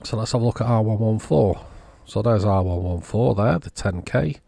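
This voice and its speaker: A man giving casual, unhurried technical commentary, thinking aloud as he inspects a circuit board. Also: lowish voice, animated, creaky, warm tone, dry recording. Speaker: electronics repair vlogger.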